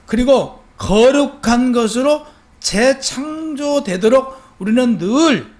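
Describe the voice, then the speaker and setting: Male pastor, high voice, chatty sermon delivery, quotes scripture, asks the congregation questions. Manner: conversational preaching with rhetorical questions to the congregation; reads scripture verses aloud.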